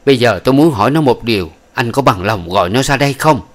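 A man reading an audiobook, voicing a fierce old woman who scolds harshly and shouts. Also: mid-range voice, expressive, fast talker, lightly acted. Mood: furious scolding. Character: fierce old woman, the family's stern aunt. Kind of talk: audiobook character voice.

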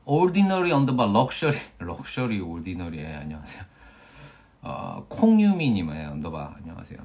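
A young man in his twenties casually chatting on a phone livestream, playfully reading out viewer usernames and joking when he stumbles over them. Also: on the low side. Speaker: actor hosting a fan livestream.

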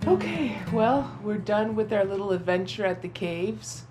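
A woman's voice: medium pitch, animated, a little slow, music in the background. A middle-aged woman chatting casually and informally for a travel vlog. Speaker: vlogger. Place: outdoor forest trail, later small cabin kitchen. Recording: noisy handheld action-camera audio.

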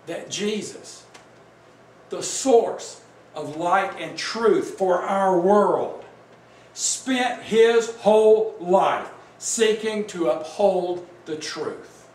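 A man preaches a sermon in a slow, deliberate way, leaning hard on his points and tossing questions out to his listeners. His voice sits high for a man. He sounds set back from the mic in a roomy hall, with a faint hiss behind him. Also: darkish tone. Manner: emphatic, asks the congregation questions. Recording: echoey room, mic at a distance, faint background noise.

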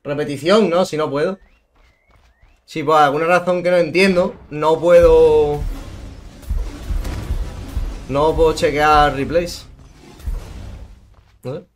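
A man's voice: a little high, fairly even intonation, unhurried, long pauses, faint music behind. A young man streaming a game, swearing and ranting at opponents between sarcastic mutters. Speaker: gaming streamer. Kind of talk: live gameplay commentary.

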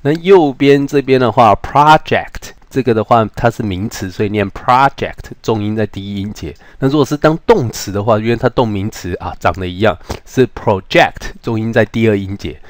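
A man with a Taiwanese Mandarin accent teaching English word roots, asking rhetorical questions and slowing down on English words. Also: fairly low pitch, a little mellow, no echo. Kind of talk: vocabulary lesson.

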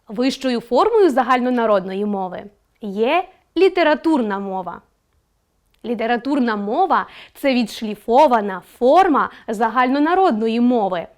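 A woman teacher giving an online school lesson, explaining clearly and stressing each example. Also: high voice.

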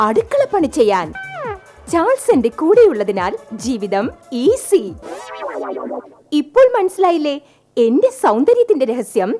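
A bossy wife played by a woman hamming up an advert in a stage comedy, with a Malayali accent. Her salesy, showy delivery swoops widely in a high voice. Faint music plays behind. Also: full character voice. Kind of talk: live stage comedy skit.

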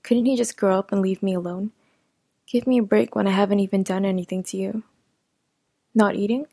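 A woman narrating a first-person audio story in an even, steady reading voice. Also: medium pitch, brisk, dry recording.

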